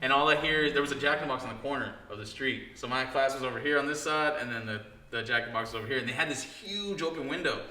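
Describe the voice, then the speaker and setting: Young guy swearing thru his stories, bright punchy voice, echoey room. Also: mid-range voice, quick pace, hardly any pauses. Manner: animated storyteller, swears, acts out quotes. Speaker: podcast guest. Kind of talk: casual chat.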